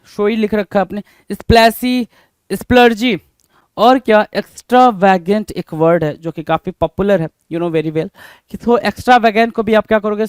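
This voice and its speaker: A man's voice: sits high, clear, resonant tone, no room sound, studio quality. A man with an Indian accent, a Hindi speaker, teaches English vocabulary for exam prep and keeps asking rhetorical questions, calling the viewers "bhai".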